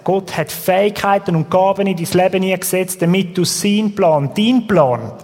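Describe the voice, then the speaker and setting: A man preaching an earnest, exhorting sermon that rises and falls in loudness. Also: high voice, vocal fry. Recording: long hall reverb.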